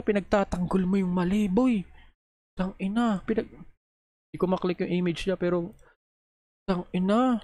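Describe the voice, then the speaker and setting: A man's voice: sits high, a little mellow, no echo. A man reacting on video in a heated, profane, scolding rant, talking straight into a close microphone. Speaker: video creator reacting to posts.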